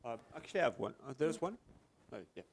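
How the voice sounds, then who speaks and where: A man moderating a conference question session, briskly inviting questions and thanking the speaker. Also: fairly high pitch, big pitch swings.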